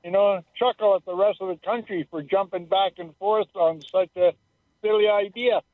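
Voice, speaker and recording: A man with a notably high voice calls in to a talk show over the phone. His line sounds tinny and dry, and it drops out now and then. He talks in a laid-back, plain-spoken way with a slightly dismissive edge. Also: fairly even intonation, normal speed, no room sound. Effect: heard over a phone line that cuts out. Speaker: radio call-in caller. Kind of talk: casual call-in chat.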